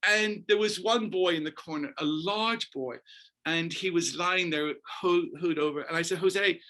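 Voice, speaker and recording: A middle-aged man from Northern Ireland, a dancer and choreographer, telling stories as an interview guest in an animated, emphatic way. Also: on the high side, normal speed. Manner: animated, emphatic storyteller who keeps addressing the host by name. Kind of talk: storytelling interview.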